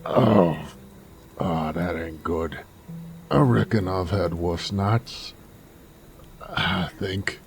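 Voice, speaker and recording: The same kind of role: a man playing a roguish, flirtatious werewolf bounty hunter for a Western audio roleplay, drawling in a teasing, theatrical Southern American way. His voice is medium-pitched, and the mood is pained yet wry.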